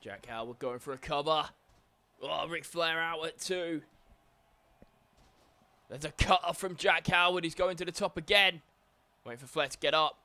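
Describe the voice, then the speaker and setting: Over footage of a wrestling video game, a man delivers thrilled play-by-play, exclaiming often as he names each move. He speaks at an ordinary pace with a slightly high voice, stopping frequently.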